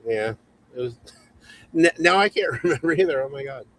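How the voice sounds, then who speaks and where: A man's voice: on the high side, animated, a little fast, fairly bright tone, poor audio. A man in his forties hosting a casual livestream chat over a video call, chatty and reading viewer comments aloud. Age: 40s. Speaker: host.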